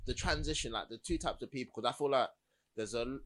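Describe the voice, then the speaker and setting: A man's voice: medium pitch, fast talker. London roadman-style young man hosting. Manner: roadman slang, urban London street talk. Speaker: podcast host. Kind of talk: casual podcast banter.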